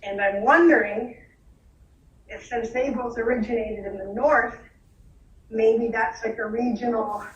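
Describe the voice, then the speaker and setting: A woman's voice: fairly high pitch, a bit bright. A woman in casual conversation, wry and joking. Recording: distant, roomy echo.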